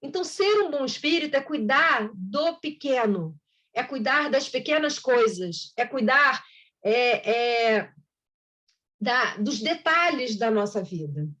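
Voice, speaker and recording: A woman speaks in a high, light voice as she gives a Spiritist lecture. Her delivery is conversational, and she acts out small exchanges of dialogue. She talks like she is chatting with the audience. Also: sing-song, takes it slowly, a bit bright. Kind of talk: spoken lecture.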